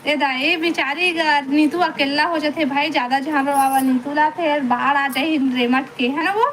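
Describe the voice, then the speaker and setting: A woman's voice: high-pitched, fairly even intonation, unhurried, a bit bright. A woman with a Chhattisgarhi accent, chatting on a phone live stream, greeting viewers by name and coaxing them to stay. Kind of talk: casual live chat reading viewer comments. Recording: noisy live-stream audio.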